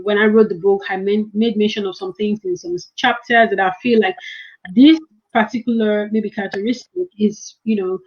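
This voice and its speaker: A woman's voice: mid-range voice, highs cut off. A woman hosting an online event as an author, talking in an encouraging, rambling way. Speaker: host and author.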